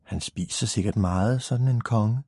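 A man voicing an eager, curious little boy in a storybook reading, with a husky voice and lively exclamations. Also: on the low side, no echo, studio quality.

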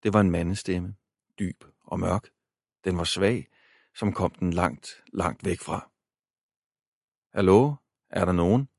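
A man narrating an audiobook in an even, measured way. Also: deep voice, vocal fry, breathy edge, no echo, studio quality. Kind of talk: scripted narration.

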